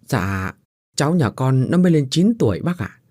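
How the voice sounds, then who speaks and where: A man's voice: mid-range voice, big pitch swings, normal speed, warm tone, dry recording, clean studio sound. A man voicing a frail, tearful poor young mother who stammers and pleads politely. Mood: timid pleading.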